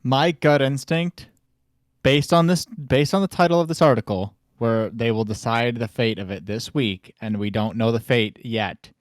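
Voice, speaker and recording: A man's voice: mid-range voice, normal speed, no echo, studio quality. A man co-hosting a gaming news podcast in casual chat, joking and mock-quoting people in playful voices. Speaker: podcast co-host.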